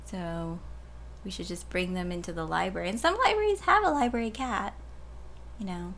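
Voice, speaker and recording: A woman's voice: medium pitch, animated, moderate pace, a bit bright, a little hiss or hum. A woman who works as a librarian, chatting casually and laughing often. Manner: giggly, rambling. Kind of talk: casual chat.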